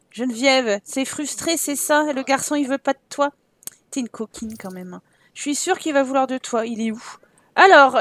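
Woman, young, high voice, dry close sound, chatty, teasing, gameplay commentary. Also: dry recording. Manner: chatty, teasing her characters with exclamations. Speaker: let's play host.

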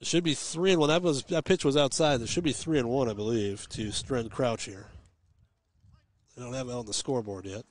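A man calling live high school baseball on the radio from a ballpark press box, giving steady pitch-by-pitch calls with chatty, folksy asides. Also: a little fast. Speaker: play-by-play radio announcer. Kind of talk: live radio sports commentary.

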